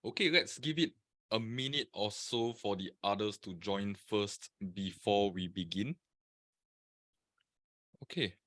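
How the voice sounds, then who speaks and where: A man's voice: fairly low pitch, unhurried, long pauses, fairly bright tone, no echo. Male webinar presenter from Singapore, casual and chatty, greets viewers by name, dry computer-mic sound. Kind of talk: live webinar talk.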